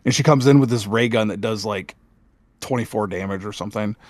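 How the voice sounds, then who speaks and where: A middle-aged man co-hosting a casual gaming podcast, animated, laughing often and restarting his sentences. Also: on the low side, brisk, dry recording. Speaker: podcast co-host.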